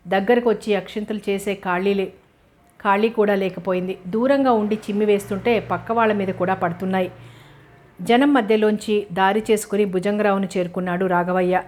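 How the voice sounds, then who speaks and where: Woman narrating a novel, steady. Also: mid-range voice. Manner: steady storytelling. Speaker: audiobook narrator. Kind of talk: scripted narration.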